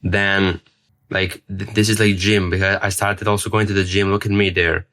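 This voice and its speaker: A young Serbian man, a native Serbian speaker, tells his own story to camera as a vlogger, rambling, repeating words and swearing casually. His voice sits low with little pitch movement, at a normal speed, with a bright, forceful tone.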